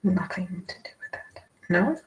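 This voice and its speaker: Playing cards by herself, an American woman rambles in a casual solo chat, putting questions to herself and answering them. Her lowish voice sounds animated but unhurried, and the audio is very noisy with clicks.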